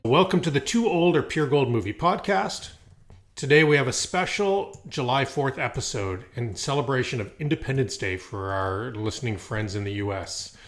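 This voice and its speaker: A middle-aged man opens a podcast with a prepared introduction at an average pitch. He reads it in an upbeat, announcer-like way and drops in the odd filler. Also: expressive, moderate pace. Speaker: podcast host.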